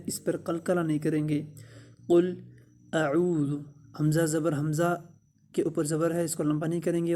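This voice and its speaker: Man, Pakistani Urdu accent, recitation teacher, slow drawn-out chanting, fairly high voice. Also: dark tone. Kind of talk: slow step-by-step recitation lesson.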